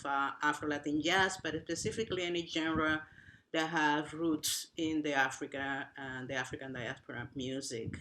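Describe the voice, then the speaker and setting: A woman's voice: sits low, slight background noise. A woman from Cuba with a Cuban accent, whose first language is Spanish, speaking animatedly on a virtual panel as a nonprofit director. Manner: animated, restarts phrases, uneven pace. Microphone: video call.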